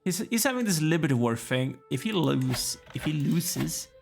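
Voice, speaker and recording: A man's voice: fairly high pitch, lively intonation, normal speed, gravelly, soft background music. A tired, yawning man casually commenting as he plays a strategy game, musing aloud and chatting to the characters on screen. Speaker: let's play gamer.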